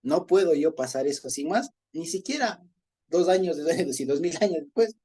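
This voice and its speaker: A man's voice: on the high side, animated, normal speed, dark tone, slightly rough. Ecuadorian man teaching with frequent chuckles. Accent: Ecuadorian Spanish. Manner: conversational, chuckles often, frequent "¿ya?" check-ins. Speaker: Bible teacher. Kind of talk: informal Bible study teaching.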